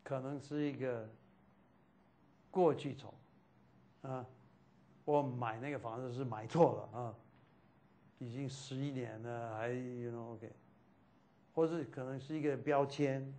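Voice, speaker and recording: Slow-speaking man teaching a class. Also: mid-range voice, steady tone, warm tone. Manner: loose, repetitive, mixing in English fillers.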